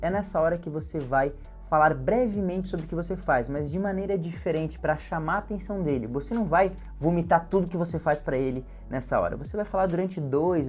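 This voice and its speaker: Homem brasileiro explicando passo a passo. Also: male voice, fairly high pitch, darkish tone. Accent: Brazilian Portuguese. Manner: step-by-step, earnest, acts out sample phone calls. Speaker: sales trainer. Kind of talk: instructional talk.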